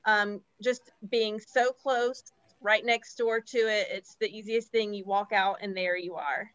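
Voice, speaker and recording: A woman's voice: medium pitch, steady tone, unhurried, fairly bright tone, no echo, highs cut off. A woman co-hosting a casual podcast chat, chatty and laughing easily. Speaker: podcast co-host.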